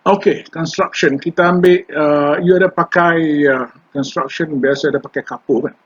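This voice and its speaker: A man's voice: a little high, fairly even intonation, normal speed, breathy edge. An older man with a Malaysian Malay accent, teaching environmental law in a chatty lecture style, mixing English terms into his Malay and putting questions to the class. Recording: dull lo-fi recording.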